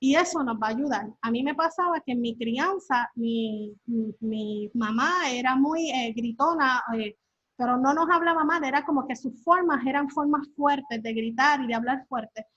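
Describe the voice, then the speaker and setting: Earnest high-voiced woman on a call. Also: normal speed, fairly bright tone, dry recording, highs cut off. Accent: Latin American Spanish. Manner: earnest, with many fillers and tag questions. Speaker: workshop speaker.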